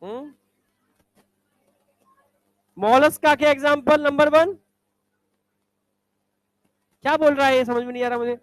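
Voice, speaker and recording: A male teacher quizzing students in a classroom, briskly ordering them to stand up and recite examples. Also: very high-pitched, no echo.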